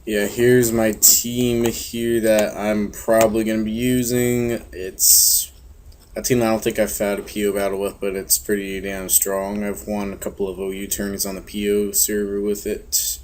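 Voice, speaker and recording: A young man from Florida with a monotone voice, giving laid-back, casual gameplay commentary full of fillers and offhand swearing. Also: on the low side, moderate pace, a little hiss or hum. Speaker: game commentator.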